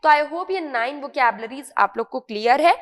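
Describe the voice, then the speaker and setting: A high-voiced Indian woman teaches English words in an online lesson. She explains patiently, repeats each word and keeps checking that it is clear. A long reverb trails behind her voice. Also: expressive, normal speed.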